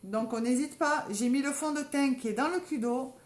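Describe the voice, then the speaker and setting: A southern French woman speaks in a high-pitched voice at normal speed, chatting casually during a live makeup tutorial and constantly calling out to those watching. She's from the south of France. The recording carries a roomy echo and faint background ambience.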